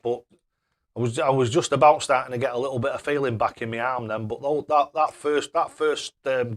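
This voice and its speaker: Bloke streaming darts, mid-pitched voice, casual chat, matey and knocks himself a lot. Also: male voice, fairly bright tone. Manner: self-deprecating, matey. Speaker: live streamer playing darts.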